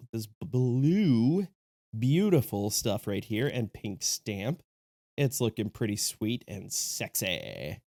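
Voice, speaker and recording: In a clean, dry studio recording, a man with a mid-range, darkish voice hosts a casual disc golf review vlog. He's sick and sounds a little off, but stays chatty, enthusiastic and full of jokes.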